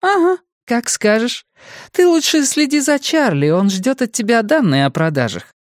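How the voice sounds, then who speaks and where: A man's voice: very high-pitched, big pitch swings, normal speed, no room sound, studio quality, pitched above the performer's own voice. A man voicing a teasing young female office coworker in an audiobook, speaking in a mocking, breezy way.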